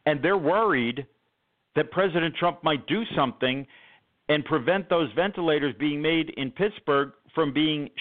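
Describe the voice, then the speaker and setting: A man with an emphatic, sarcastic manner and many fillers, talking politics as a guest on a call-in radio show over a phone line. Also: fairly high pitch.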